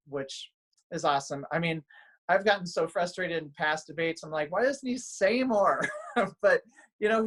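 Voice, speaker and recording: A man's voice: on the high side, fairly bright tone, low-quality recording. A man who works as a pastor, chatting in an interview, enthusiastic and rambling, laughing often. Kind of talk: casual interview chat.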